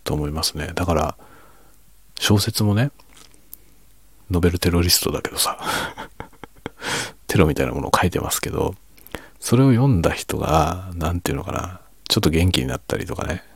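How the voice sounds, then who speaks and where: Speaking softly in a very deep, gravelly voice, a streamer and hobby novelist offers a casual, reflective monologue. His husky delivery is low-key and self-deprecating, like late-night talk, moving at a moderate pace with frequent pauses in a dry, studio-quality recording.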